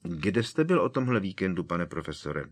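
A man's voice: deep voice, sing-song. A man voicing an eager teenage schoolboy wizard in an audiobook reading, blurting out questions. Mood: earnest. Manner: blurting, hesitant with elders. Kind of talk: audiobook character voice.

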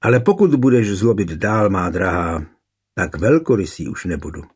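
A man reading a historical novel aloud voices a calm, mocking young nobleman taking revenge on his wife. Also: low-pitched, husky, heavily acted.

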